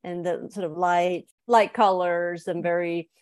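A woman's voice: on the low side, flat delivery, unhurried, darkish tone, clear, resonant tone, dry recording. A woman from Sweden, an author, explaining her ideas thoughtfully as a guest on a podcast interview.

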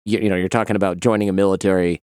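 A man from Detroit hosting an interview, chatting in a relaxed, reflective way. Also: sits low, very fast, clean tone, dry recording, studio quality. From Detroit, Michigan. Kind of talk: casual interview chat.

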